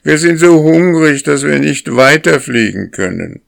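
Guy putting on whiny little goslings from a storybook, high and pleading, a bit gravelly underneath. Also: slow, a bit bright. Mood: whining. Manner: plaintive, repeated cries. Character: whining young goslings, tired and hungry.

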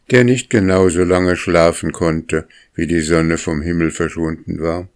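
Low slow gravelly guy reading a storybook out loud, calm and measured. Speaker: narrator. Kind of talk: storybook narration.

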